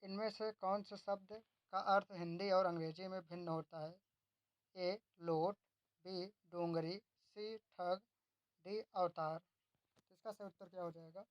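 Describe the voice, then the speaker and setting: A woman's voice: fairly low pitch, steady tone, measured pace, dry recording, dull audio. A woman tutor reads exam questions and their options aloud, then gives the answer and explains why. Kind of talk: reading quiz questions and answers.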